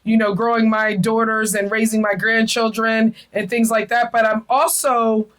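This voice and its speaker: A woman's voice: a little high, flat delivery, normal speed, fairly bright tone, rough recording. Middle-aged lady hosting a chat, earnest and kinda emotional, says things over and over. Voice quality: earnest, emotional, repeats phrases. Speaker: podcast host. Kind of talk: casual spiritual chat.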